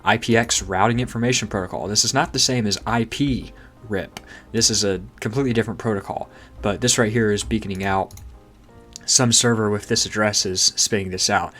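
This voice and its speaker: Through a robotic-sounding voice changer, a man with a lowish, slightly bright voice talks a little fast while soft music plays behind him. Hosting his tech channel, he tours a screen in a relaxed, chatty way, posing rhetorical questions and chuckling at obscure terminology.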